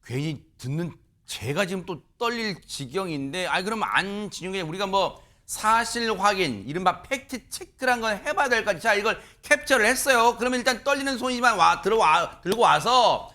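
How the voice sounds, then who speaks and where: High-voiced guy hosting a panel show, bright and bouncy, big reactions. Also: fairly quick, few pauses. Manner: animated, exclamatory reactions. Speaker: news talk show host. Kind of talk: studio panel talk show.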